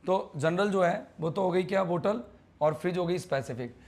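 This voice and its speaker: A man's voice: high voice, normal speed, darkish tone. A man teaching English grammar in a casual live online class, coaxing students and repeating words to drill them.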